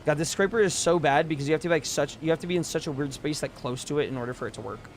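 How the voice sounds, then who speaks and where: A man's voice: fairly high pitch, rapid-fire, a little hiss or hum. A young man live-streaming a game, ranting casually and emphatically, swearing freely.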